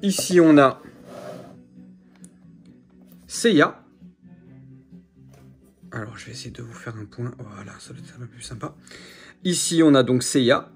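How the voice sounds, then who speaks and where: A man's voice: medium pitch, animated, measured pace, long pauses, faint music behind. Rambling chatty man. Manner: chatty, rambling, many fillers and repeats. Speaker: collector showing his figures. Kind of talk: casual unboxing chat to camera.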